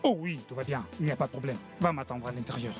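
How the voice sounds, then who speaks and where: An actor playing a domineering, indignant street gang boss in a dubbed film drama, scolding emphatically. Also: male voice, medium pitch, quick pace, faint music behind, natural voice. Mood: curt, dismissive. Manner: scolding, emphatic, repeats himself.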